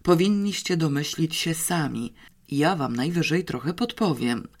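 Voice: medium pitch, animated, a little slow. A wry, patient police captain in a storybook, read by the narrator, coaxing children along in a slightly mysterious way. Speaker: adult character in an audiobook. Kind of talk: audiobook character reading.

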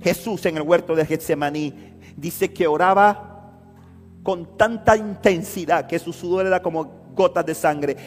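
A man's voice: fairly high pitch, a little slow, in a large hall, faint music behind. A man preaching a sermon as a pastor, repeating phrases with rising fervor.

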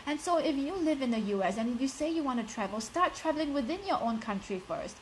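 This life coach, a woman in her thirties, speaks with a strong Singaporean accent and a high-pitched, animated voice that runs a little fast. The low-quality recording carries slight background noise as she delivers a live motivational talk, addressing her viewers directly and encouragingly with plenty of "like" and "you know" fillers.

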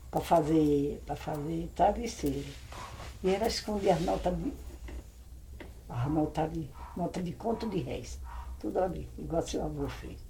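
A deep, creaky, warm-toned voice belongs to an older Brazilian Portuguese-accented woman, a family elder casually recounting old times. Her stories ramble vividly, with scenes acted out through exclamations. The poor audio includes slight background noise.

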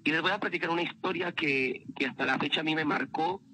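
A man's voice: on the high side, quick pace, bright, forceful tone, low-quality recording. A man, a motivational speaker, telling an emotional personal story as a guest on a livestream. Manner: earnest, emotional, repeats words.

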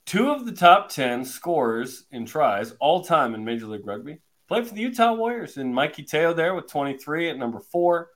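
A man's voice: fairly high pitch, sing-song, normal speed, fairly bright tone. A man hosting a sports podcast, upbeat and chatty, reading out stats with the odd filler. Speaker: podcast host.

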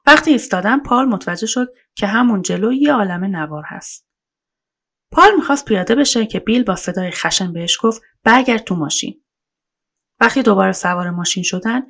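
Woman, true-crime podcast narrator, colloquial, measured, mid pitch, gravelly edges.

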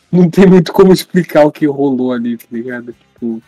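A man's voice: medium pitch, brisk, mellow, no echo, soft background music, poor audio. A man with a Brazilian Portuguese accent talking casually and slangily among friends. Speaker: podcast participant.

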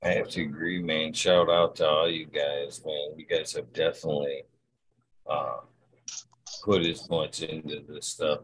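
A man's voice: extremely low pitch, husky, low-quality recording. A man chatting casually in a laid-back, sweary way with his friends. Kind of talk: casual chat.

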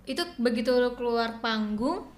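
A woman's voice: on the high side, expressive, moderate pace. A woman interviewer hosting a casual chat, supportive and often searching for words. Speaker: interviewer host. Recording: echoey room.

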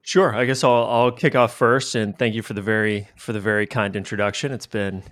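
Deep-voiced man, close dry sound. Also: steady tone, brisk, fairly bright tone, dry recording. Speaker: interview guest, games executive. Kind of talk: casual interview talk.

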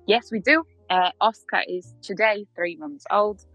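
A woman's voice: medium pitch, a little slow, fairly bright tone, dry recording, soft background music, poor audio. A young adult woman telling a personal story in hesitant, short phrases. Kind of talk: anecdotal storytelling.

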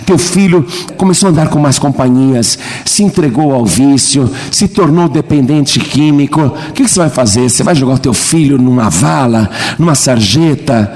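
A man from Brazil preaching a sermon as pastor, questioning his congregation directly and building to emphatic shouts. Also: medium pitch. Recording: long church reverb.

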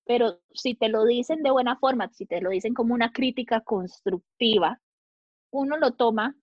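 A woman's voice: a little high, moderate pace, dry recording, dull audio. A woman guest in a casual chat, animatedly telling a personal story.

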